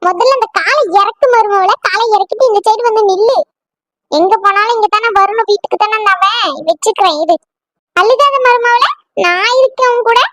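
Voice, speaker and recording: A performer with a childlike, squeaky voice, voicing a scolding, excitable mother-in-law in a cartoon family comedy. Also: normal speed, no room sound, clean studio sound. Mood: reassuring. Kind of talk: exaggerated cartoon comedy voice acting.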